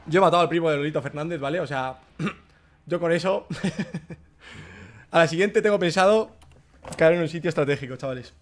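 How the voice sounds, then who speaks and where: A young man from Spain with a Spanish accent, live-streaming himself playing a game, excitable, swearing often and dropping English phrases into his commentary. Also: a little high, normal speed, long pauses. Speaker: gaming streamer.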